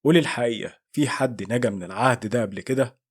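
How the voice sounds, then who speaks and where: A man's voice: mid-range voice, fast talker, slightly rough. A man with an Egyptian Arabic accent voicing a scared young man who asks shaken, urgent questions in a horror story.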